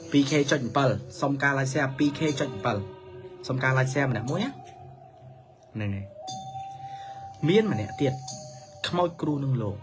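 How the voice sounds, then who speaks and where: A man telling a story for children in a lively manner, his pitch swinging up and down. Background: music.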